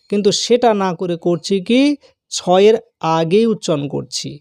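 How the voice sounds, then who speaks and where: A man teaching a grammar lesson, explaining slowly and patiently and repeating the key terms. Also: sits high, darkish tone, no echo, studio quality.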